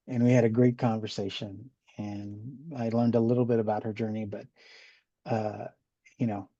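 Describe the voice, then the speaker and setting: Rambling man host, dark dull sound. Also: medium pitch, no echo. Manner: rambling, halting with repeated words. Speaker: podcast host. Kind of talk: casual interview. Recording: dull, dry lo-fi recording.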